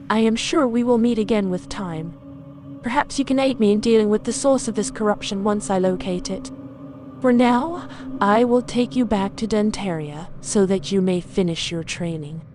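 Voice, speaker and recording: Woman as a gracious dryad, mid-pitched voice. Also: close to an everyday voice. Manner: formal. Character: gracious female dryad forest guardian. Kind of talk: scripted fantasy game dialogue.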